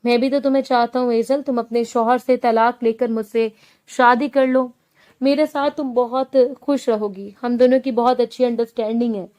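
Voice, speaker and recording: A woman's voice: fairly high pitch, steady tone, darkish tone, close to an everyday voice. A woman reading the part of a lovesick, pushy young man in a spoken novel, in her usual plain voice. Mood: pleading. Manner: pleading, insistent.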